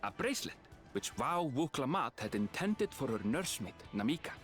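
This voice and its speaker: A man's voice: medium pitch, very animated, moderate pace, faint music behind, lightly acted. A man voicing a composed, articulate informant in a game story, explaining things formally. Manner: formal, expository.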